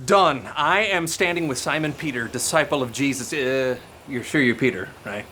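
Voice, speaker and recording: An actor playing a flustered, sincere male news reporter on the scene, talking haltingly and conversationally in a comedy sketch. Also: mid-range voice, pushed and bright, faint music behind, close to an everyday voice. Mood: earnest.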